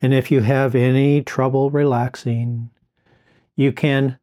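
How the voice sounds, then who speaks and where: Male relaxation guide, middle pitch, unhurried and mellow, soothing delivery. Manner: slow, soothing, drawn-out phrasing.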